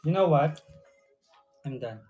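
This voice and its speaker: Filipino woman livestream co-host, teasing, deep voice. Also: lively intonation, a little slow, narrow, tinny audio, music in the background. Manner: teasing, laughs at her partner, mixes Tagalog and English. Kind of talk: casual live-stream chat.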